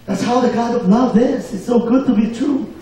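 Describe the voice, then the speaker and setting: Male preacher, high voice, call-and-response delivery, booming church echo, distant mic. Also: moderate pace, mellow. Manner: call-and-response, asks for amens. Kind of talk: sermon. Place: church hall. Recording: very echoey hall, mic far off.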